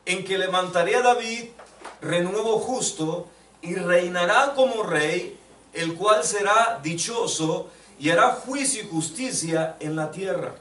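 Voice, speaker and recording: A man, a pastor, preaching an emphatic sermon in a church hall, repeating phrases and rising to shouts while an interpreter follows. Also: high-pitched, measured pace, slight background noise. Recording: echoey room, mic far off.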